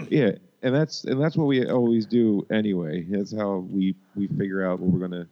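A man with a deep bass voice co-hosting a casual podcast, speaking haltingly with repeated words and free swearing. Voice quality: deep, bassy voice. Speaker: podcast co-host. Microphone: podcast microphone through a mixer. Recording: dull, muffled home podcast audio.

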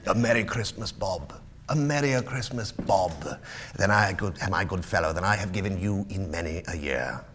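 A man's voice: low-pitched, normal speed, noisy background, natural voice. A man voicing an old, reformed miser with an emphatic, theatrical delivery. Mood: jovial.

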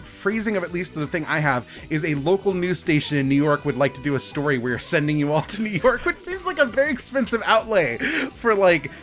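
Podcast co-host, man, slightly high voice, wry joking asides, faint music beneath. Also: very animated, brisk, hardly any pauses, fairly bright tone. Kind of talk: casual chat.

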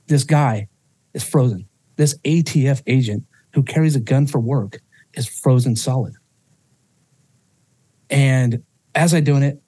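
A man speaks as a podcast guest with a mellow, relaxed tone in a dry, close-sounding room. He tells a personal story with raw emotion, swears freely and often restarts his sentences. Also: mid-range voice, husky, no echo.

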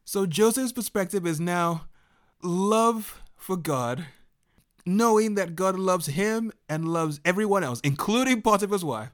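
A man preaching a sermon as a story, animated, laughing often and breaking into shouts. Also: high-pitched, unhurried, clear, resonant tone.

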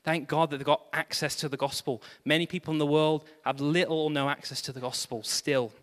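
A fairly high-voiced man preaches a lively sermon, mixing self-deprecating jokes with bursts of praise. His voice rings out with a long hall reverb behind it. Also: fairly quick. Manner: animated, self-deprecating humor, exclamations of praise. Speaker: pastor.

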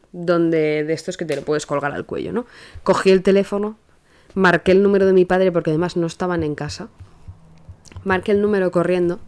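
A young woman with a Spain Spanish accent, hosting a podcast and telling a personal story in a casual, animated way, often restarting her sentences. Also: fairly low pitch, clean tone. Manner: animated, rushes and restarts while telling an anecdote. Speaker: podcast host.

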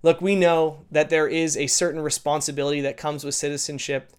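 Man preaching a lively sermon. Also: on the high side, fairly quick, smooth. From Canada. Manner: storytelling, rising to loud acted quotes. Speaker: pastor.

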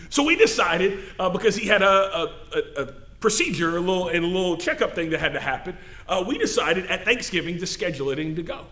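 A middle-aged male pastor preaching an animated sermon, drawing the audience into call-and-response with playful asides. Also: fairly high pitch. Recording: echoey room.

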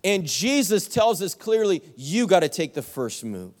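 A young adult male pastor preaching a sermon, telling a story with animated back-and-forth and poking fun at himself. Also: sits high, a little slow, long reverb tail. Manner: animated storytelling, acts out both sides of an argument, self-mocking. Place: church sanctuary.

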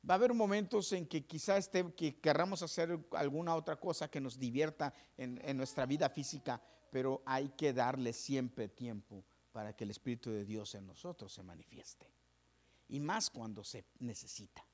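Preaching at a moderate pace with a mid-range voice, a male pastor tells a story to his congregation. He goes quiet and whispery, then builds to fervent, raised delivery.

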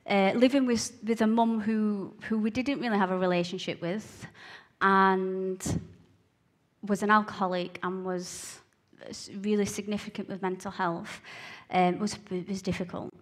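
A woman's voice: mid-range voice, flat delivery. Scottish woman with a broad Glaswegian accent. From Glasgow, Scotland. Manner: earnest, halting storytelling with repeated phrases for emphasis. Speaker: speaker giving a testimony. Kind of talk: personal testimony told to listeners.

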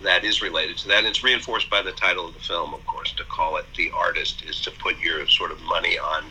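A man with a low voice and a very bright, forceful tone, talking as a guest in an interview. He speaks in a measured, hesitant way, full of pauses and fillers. A faint hiss sits under the recording. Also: fairly even intonation, rough recording. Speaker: author and college president, guest. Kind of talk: thoughtful interview talk.

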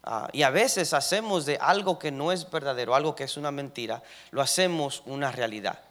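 Young guy pastor giving a sermon, kinda high voice, lots of "eh" and "ah", tells stories, gets louder at the end. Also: a little fast. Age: young adult. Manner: conversational storytelling, many fillers and rising emphasis.

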